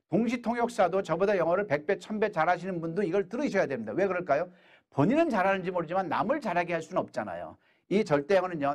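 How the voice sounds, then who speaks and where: A middle-aged man giving an energetic English lecture in a hall, drilling questions and answers with his audience. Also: high voice.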